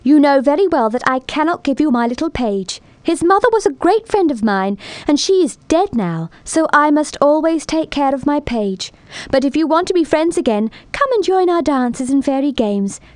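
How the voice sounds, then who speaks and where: A woman voicing a proud, stubborn fairy queen who speaks high and emphatically in a storybook reading. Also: a little mellow, dry recording. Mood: indignant.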